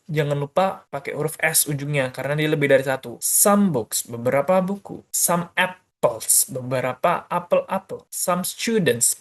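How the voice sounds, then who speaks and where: A male teacher giving a beginner grammar lesson, explaining step by step in a casual, chatty way and asking questions he answers himself. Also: fairly high pitch. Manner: casual and chatty, uses many fillers. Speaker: English teacher.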